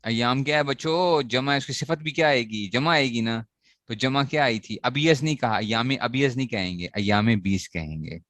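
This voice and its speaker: A man's voice: mid-range voice, moderate pace, a bit bright, dry recording. A man teaching a grammar lesson to students, asking questions and answering them himself as he repeats the key points. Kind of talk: classroom lecture on Arabic grammar.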